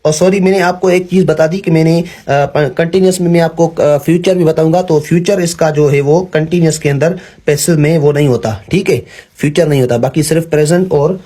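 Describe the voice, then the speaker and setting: Mellow-voiced man teaching grammar patiently. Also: on the high side, fairly quick. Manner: patient, repeats "ठीक है", frequent fillers and self-corrections. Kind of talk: classroom-style explanation.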